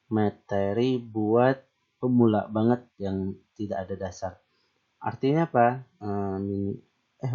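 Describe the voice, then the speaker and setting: An Arabic grammar teacher with a low, mellow voice gives a casual online lesson, relaxed and chatty with fillers and rhetorical questions. The audio is dull.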